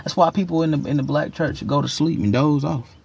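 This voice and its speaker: A young man with a gravelly voice giving a casual, opinionated rant in a slangy, rambling, emphatic way, repeating his phrases. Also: on the high side, brisk, a little mellow, lo-fi sound. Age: young adult. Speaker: commentator giving personal opinions.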